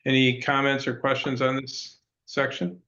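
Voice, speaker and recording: A man's voice: mid-range voice, monotone, moderate pace, bright, forceful tone, dull audio. A man chairing a town budget meeting over a conference call line that breaks up, talking with a hesitant manner and many fillers. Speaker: board chair. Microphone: speakerphone on a call.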